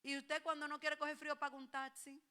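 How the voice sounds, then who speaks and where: A woman pastor delivers a sermon in a high, bright voice. Her preaching is animated, building to loud exclamations, and she quotes her congregants back to them in dialogue. Her tone stays sharp and clear throughout. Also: fairly quick.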